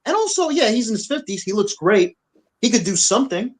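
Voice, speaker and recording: A man's voice: high-pitched, brisk, low-quality recording. A man co-hosting a podcast, ranting bluntly with repetition and swearing. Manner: blunt, repetitive, profane, animated. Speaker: podcast co-host. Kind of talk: heated opinion rant. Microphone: on camera.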